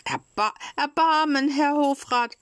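A woman voicing a small wooden puppet boy who pleads in a high voice. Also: lively intonation, normal speed, a bit bright, dry recording, studio quality, natural voice. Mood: pleading.

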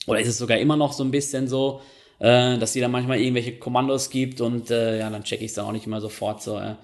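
A man's voice: medium pitch, fairly even intonation, fast. A man, hosting a podcast in a casual, chatty monologue full of fillers and self-corrections. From Germany. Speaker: podcast host.

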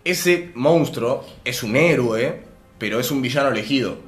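A man's voice: mid-range voice, unhurried, fairly bright tone, echoey room, faint music behind. A man co-hosting a casual podcast chat, speaking Rioplatense Spanish in a rambling way and explaining at length. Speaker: podcast co-host.

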